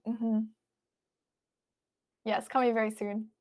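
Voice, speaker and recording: This time the Australian-accented livestream host talks slowly, her fairly high, slightly mellow voice showing little pitch movement. She chats informally, reading out and answering viewer messages as she thinks aloud.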